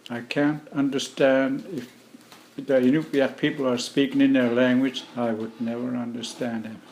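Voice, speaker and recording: A middle-aged man from Alaska, a native Yupik speaker, answering interview questions in a plain, measured way. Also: medium pitch, little pitch movement, a little mellow, slight background noise. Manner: slow, plain-spoken, measured. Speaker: interview guest. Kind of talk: relaxed conversational interview.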